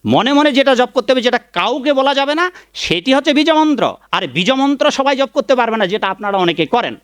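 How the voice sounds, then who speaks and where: A man's voice: very high-pitched, animated, brisk, a bit bright, clean tone, no echo, studio quality. A man giving a devotional sermon, preaching emphatically, chanting mantras and fondly addressing his listeners while scolding critics. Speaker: Vaishnava preacher giving a Bhagavat discourse.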